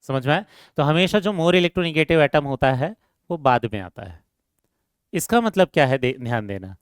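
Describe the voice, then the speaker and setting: A chemistry teacher lectures his class in a smooth, resonant, slightly high voice, animated and at a normal pace. He keeps asking his students questions, answers them himself, and repeats key terms. The recording is close and dry, with no room echo.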